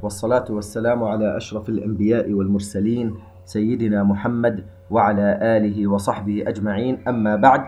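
A man teaching Quran recitation rules in a calm, methodical lesson. He slows down to recite the verses. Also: on the low side, slight background noise. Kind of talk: explanatory tajweed lesson.

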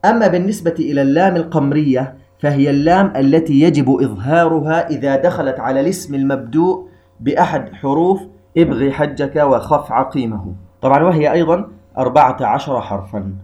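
A man teaching Quran recitation rules in a calm, methodical lesson. He slows down to recite the verses. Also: on the high side, dull audio. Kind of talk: explanatory tajweed lesson.

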